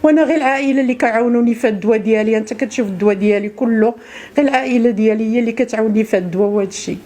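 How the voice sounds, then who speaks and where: Pleading Moroccan woman, quick and mellow. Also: on the high side. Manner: pleading, repeats her words over and over. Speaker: interviewee. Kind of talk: street interview testimony.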